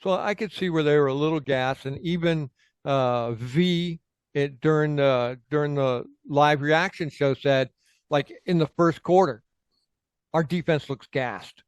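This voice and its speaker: A man's voice: on the high side, a little slow, clear, resonant tone, dry recording. A man co-hosting a casual sports podcast, swearing freely and venting as a frustrated fan. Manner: profane, heated, fan ranting. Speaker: co-host.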